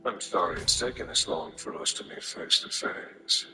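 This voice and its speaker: A man voicing a huge, vain, condescending dark god in a dramatized story, with a sarcastic, whiny internet-troll delivery. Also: sits low, lively intonation, moderate pace, music in the background, pitched below the performer's own voice, poor audio. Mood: grandiose.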